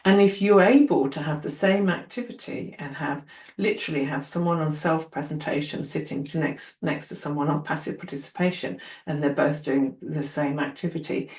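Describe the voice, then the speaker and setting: A woman occupational therapy trainer giving an earnest, encouraging, casual talk to newcomers. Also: sits low. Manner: earnest, encouraging, acts out quoted people. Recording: roomy echo.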